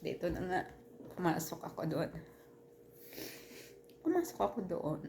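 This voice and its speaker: A woman telling a personal story in casual storytime style, halting with many restarts and fillers, earnest and turning heated at times. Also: lowish voice, big pitch swings, vocal fry, noisy background.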